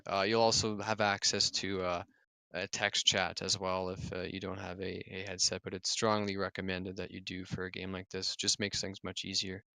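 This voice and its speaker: Gravelly, bright-voiced male stream host. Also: deep voice, level tone, moderate pace, no echo, studio quality. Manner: reads out viewer questions, chatty with fillers. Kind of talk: casual livestream Q&A.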